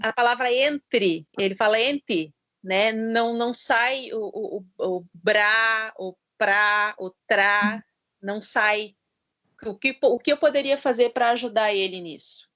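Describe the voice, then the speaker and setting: A somewhat high-voiced woman, asking a question and pausing often as she searches for the right words. Her audio comes through muffled, like a video call. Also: steady tone, sharp tone. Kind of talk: webinar question.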